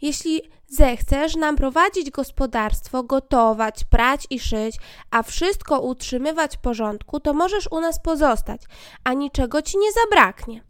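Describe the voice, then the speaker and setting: A woman voicing a group of tiny dwarfs in a fairy tale, high and squeaky as they exclaim. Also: measured pace, no echo, studio quality. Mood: kindly. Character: seven tiny excited dwarfs, squeaky and fussy.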